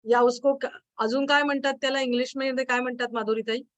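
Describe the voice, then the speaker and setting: A woman's voice: high voice, steady tone, fast talker, dry recording. A woman with a Marathi accent giving a yoga class lecture, explaining step by step with many fillers and questions to her students. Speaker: yoga teacher.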